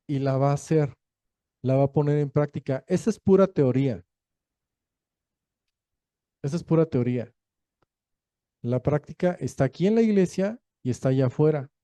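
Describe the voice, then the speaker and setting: Dark-voiced pastor preaching. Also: male voice, on the high side, clean tone, no room sound. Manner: lively storytelling, acting out quoted voices; jokey, laughs between points. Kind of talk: sermon.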